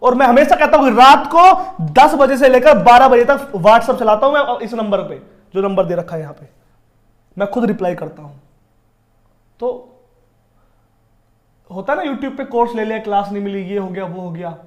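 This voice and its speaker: High-voiced chatty man teaching math. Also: moderate pace, pauses often. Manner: chatty, addresses students directly, digresses into stories. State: sore throat. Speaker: online exam-prep teacher. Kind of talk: live online math class.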